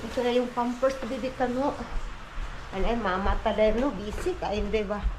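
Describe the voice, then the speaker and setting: Chatty Visayan-accented mom, high voice. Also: female voice, moderate pace, echoey room, noisy background. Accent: Filipino, Visayan. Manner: chatty, keeps calling viewers "day", mixes English into Tagalog. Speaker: vlogger, stay-at-home mom. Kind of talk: casual home vlog chat. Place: family home indoors.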